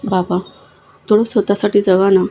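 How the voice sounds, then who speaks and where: A woman's voice: medium pitch, flat delivery, moderate pace, mellow, faint music behind, lightly acted. A woman reading a young son's pleading lines to his ailing father in a storybook tale. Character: grieving young adult son.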